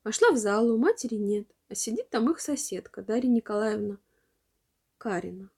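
A woman reads a children's story aloud, expressive and animated. Her voice is a little high and warm. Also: normal speed, slightly rough. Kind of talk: storybook narration.

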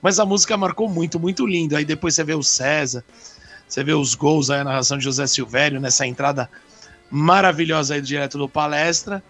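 Male Brazilian radio co-host, conversational, slightly high pitch, light music underneath. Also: fairly quick, fairly bright tone. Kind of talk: casual radio chat.

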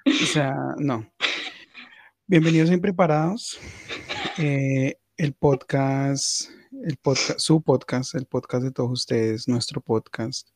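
A man's voice: medium pitch, fairly even intonation, slow, no echo. A man hosting a comedy podcast, ranting crudely with mock-pious asides. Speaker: podcast host.

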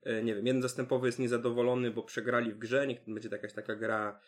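A man's voice: mid-range voice, level tone, quick pace. A man hosting a podcast interview, asking questions and thoughtfully summarizing his guest's points.

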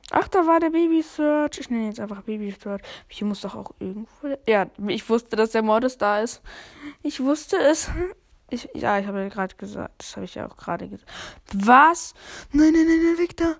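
A woman's voice: medium pitch, fairly quick, vocal fry, few pauses, a little mellow. A woman giving casual, chatty let's play commentary, thinking aloud in slangy language as the game goes. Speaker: gamer commentating own play.

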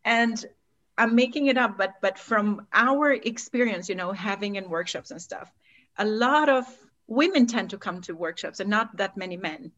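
A woman's voice: medium pitch, expressive, moderate pace. Effusive woman co-host, slightly dull sound. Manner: warm, effusive, searching for words. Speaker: podcast co-host. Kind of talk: casual interview chat.

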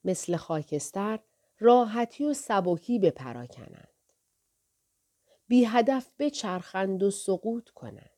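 A woman reads a literary novel aloud in a calm, measured voice of middling pitch. She keeps it soft and sometimes drops nearly to a whisper. The delivery is steady audiobook narration. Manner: soft, measured, often dropping near a whisper.

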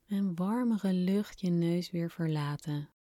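A woman softly and soothingly guiding a breathing exercise in calm, unhurried scripted instructions, slightly breathy at times. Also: on the low side, no echo, clean studio sound. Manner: soft, soothing, unhurried instruction with long pauses. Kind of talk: guided relaxation exercise, scripted narration.

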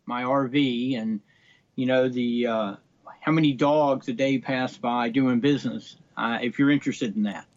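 A man's voice: mid-range voice, steady tone, unhurried, darkish tone, highs cut off. Easygoing middle-aged man. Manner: easygoing, rambling, many fillers. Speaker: podcast co-host. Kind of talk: casual chat.

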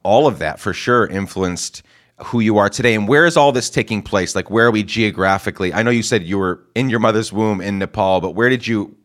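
A man's voice: fairly low pitch, fairly quick. A man hosting a podcast interview, introducing his guest and asking questions in an enthusiastic, affirming way. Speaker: podcast host.

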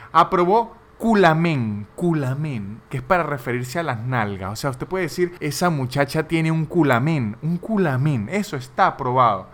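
A man's voice: a little high, a bit bright. A man hosting a comedic podcast monologue, ranting in a sarcastic, mocking way. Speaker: podcast host.

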